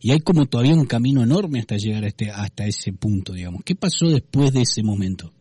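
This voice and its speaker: A man's voice: medium pitch, expressive, quick pace, mellow, breathy edge, dry recording, clean studio sound. A man from Argentina with an Argentine accent, interviewing a guest and prompting him with short encouraging replies. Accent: Argentine Spanish. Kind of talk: conversational interview.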